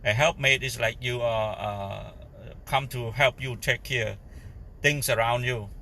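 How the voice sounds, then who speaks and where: A man with a Cambodian Khmer accent, a native Khmer speaker, giving informal Bible teaching in halting English as he searches for words. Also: medium pitch, fairly even intonation, gravelly, pushed and bright, slight background noise. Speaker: lay preacher.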